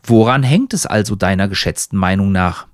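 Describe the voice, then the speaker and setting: A man's voice: deep voice, moderate pace, no room sound, clean studio sound, pitched below the performer's own voice, lightly acted. A man voicing a grumpy, impatient fellow who grumbles and answers sarcastically. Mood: grumbling.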